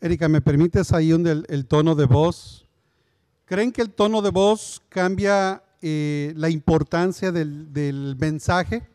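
A man leading a workplace communication workshop, animated and questioning the group directly. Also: a little high, slow pace. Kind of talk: interactive workshop talk to a group.

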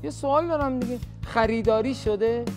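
A woman's voice: on the high side, music in the background. A nervous woman player defending herself in a mafia game, pleading and apologizing as she rambles. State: nervous, shaking.

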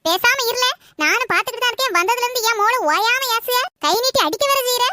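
A woman's voice: extremely high pitch, lively intonation, fast, sharp tone, no echo, studio quality, heavily acted. A woman playing a meddling, gossipy old grandmother in a comedy skit. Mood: indignant.

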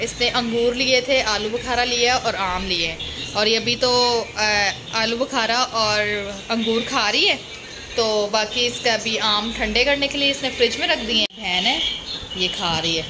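Filmed on a phone at arm's length in a small room at home, this young vlogger and Sunday school teacher chats casually to the camera, speaking directly to viewers. Her voice sits a little high, and the background is noisy.

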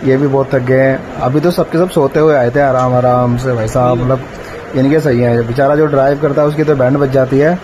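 A man's voice: mid-range voice, level tone, background noise. Winded man vlogging while climbing steps. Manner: chatty, tired, filling pauses with "matlab". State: out of breath. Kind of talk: casual travel vlog narration. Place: outdoor hillside stairway to a temple. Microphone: phone camera held while walking.

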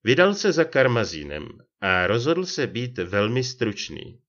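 A male audiobook reader narrating a story with a lively, animated delivery and a bright tone. His voice is fairly low, and the recording sounds dull and lo-fi. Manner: expressive, shifts voices for characters.

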